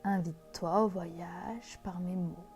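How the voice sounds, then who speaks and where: A woman leads a guided relaxation very slowly, in a mellow and hushed voice close to the ear. Her delivery is soft and intimate, often breathy, with music playing behind her. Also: on the low side, fairly even intonation. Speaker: sophrology guide.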